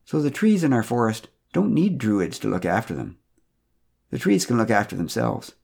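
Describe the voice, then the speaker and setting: A man narrating a storytelling podcast in a gentle, wry manner. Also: mid-range voice, sing-song, normal speed, gravelly, husky.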